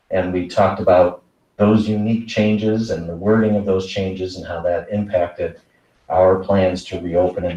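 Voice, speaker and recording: Low-voiced new guy giving a board report, lots of uhs, sounds far off in a roomy space. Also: mellow. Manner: measured, many fillers. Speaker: school superintendent. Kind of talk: presenting a report at a board meeting. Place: meeting room. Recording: echoey room, voice from a distance.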